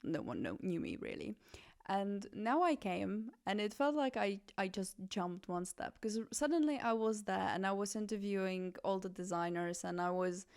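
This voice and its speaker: A Czech woman in her twenties, a fashion journalist hosting a podcast, talking casually in a chatty, animated way with many self-corrections. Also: mid-range voice, moderate pace, smooth. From Czech Republic.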